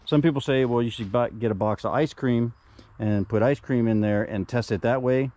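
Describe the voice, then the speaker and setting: A man's voice: medium pitch, moderate pace, dark tone, dry recording. A man filming himself outdoors in a yard, going through items from a storage unit in a loose, rambling way with lots of fillers. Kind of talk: casual filmed walkthrough. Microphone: handheld camera, first-person view.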